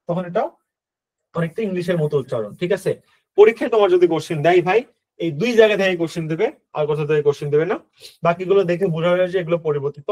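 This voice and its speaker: A young man teaching an admission-prep lesson, quizzing students in a lively way and mixing in English words. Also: high-pitched. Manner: lively, questioning students, switching between tumi and apni, mixing in English words. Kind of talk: recorded online lesson.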